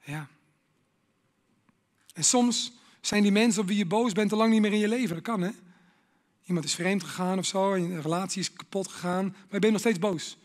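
A man's voice: sits high, fairly even intonation, a little fast, long reverb tail. A Dutch man preaching a sermon, dramatic, acting out inner voices and dropping to whispers.

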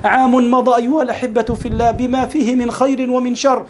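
A man's voice: very high-pitched, little pitch movement, fast, a little hiss or hum. A man with an Egyptian accent preaching a sermon with fervour, again and again calling his listeners beloved brothers in God. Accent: Egyptian Arabic. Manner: fervent, repeatedly addresses listeners as beloved brothers.

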